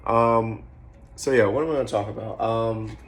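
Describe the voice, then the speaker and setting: A man's voice: on the low side, fairly even intonation, normal speed. A man in his twenties rambling and musing aloud in a casual vlog, swearing freely as he goes. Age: 20s. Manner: eating while talking. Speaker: vlogger. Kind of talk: casual monologue to camera.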